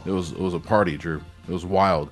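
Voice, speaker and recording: Talking fast in a low, fairly even voice, a man hosts a podcast and rambles along in a relaxed, casual chat, letting the odd swear word slip. Soft background music accompanies him.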